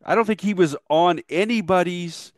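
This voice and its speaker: A man co-hosting a casual talk show, easygoing and agreeable, with halting restarts. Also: high voice, dry recording, studio quality. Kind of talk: casual chat.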